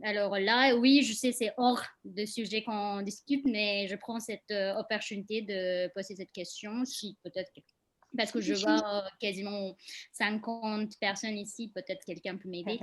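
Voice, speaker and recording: A woman from India speaking non-native French with an Indian accent, haltingly, as she asks a question in an online group discussion. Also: mid-range voice, steady tone. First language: not French.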